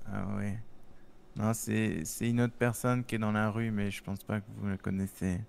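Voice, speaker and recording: A man plays a courteous news director in a suit with a gravelly, somewhat low voice. He stumbles and restarts politely as he talks. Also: little pitch movement, darkish tone, a little hiss or hum. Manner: hesitant, halting, polite. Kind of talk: casual role-play dialogue.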